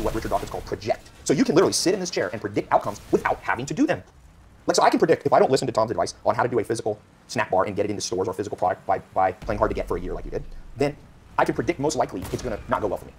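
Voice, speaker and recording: A man talks at a very fast clip as a podcast guest. He tells motivational stories with strong emphasis and acts out the people he quotes. Faint noise sits under his voice. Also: mid-range voice. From United States (California). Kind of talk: animated motivational storytelling.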